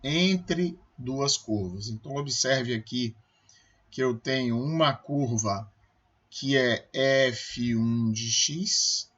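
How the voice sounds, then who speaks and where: A man's voice: medium pitch, slow pace, a bit bright, husky, dull audio. A man with a Brazilian Portuguese accent, a math professor giving a recorded calculus lecture, explaining step by step and checking with his students as he goes.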